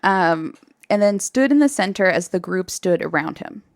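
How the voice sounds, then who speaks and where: Brief: woman podcast host, animated storyteller, dry close mic. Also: lowish voice, moderate pace, gravelly, no echo. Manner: animated, laughs often, acts out quotes. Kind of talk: casual storytelling chat.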